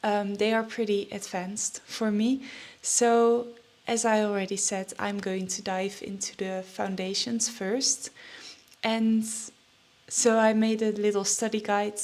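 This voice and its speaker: A woman's voice: mid-range voice, little pitch movement, slow, a little mellow. A young woman chatting casually in a vlog, a bit nervous and out of breath, with many fillers and restarts. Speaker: trading vlogger.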